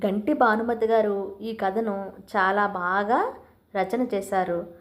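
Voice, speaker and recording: A woman reading a short story aloud and chatting gently with her listeners as the host of her own channel. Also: mid-range voice. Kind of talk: scripted story narration. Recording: roomy echo.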